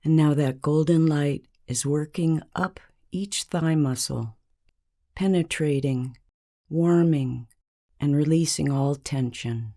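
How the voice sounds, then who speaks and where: Her voice sits low as she guides listeners through a scripted meditation. The delivery stays soothing, unhurried and calm, with long silences between phrases.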